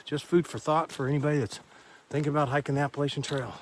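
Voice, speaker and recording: A man's voice: fairly high pitch, steady tone, quick pace. Older guy vlogging his hike on a trail, folksy and rambly, chatting to a handheld cam, a bit of faint noise. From Texas. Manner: folksy, rambling storyteller giving friendly advice. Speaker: hiker vlogger. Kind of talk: casual trail vlog. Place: outdoors on a forest hiking trail.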